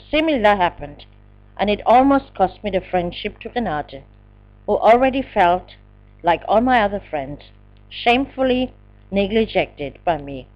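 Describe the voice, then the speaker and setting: A woman's voice: mid-range voice, dull audio. A woman reading her own memoir aloud with dramatic, emotional delivery. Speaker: narrator. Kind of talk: memoir audiobook narration.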